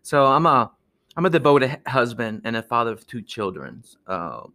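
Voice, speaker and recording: Earnest Peruvian-born man, halting speech. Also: mid-range voice, very animated, sharp tone. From Peru. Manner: earnest, halting with many restarts. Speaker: guest, architect. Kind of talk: podcast interview.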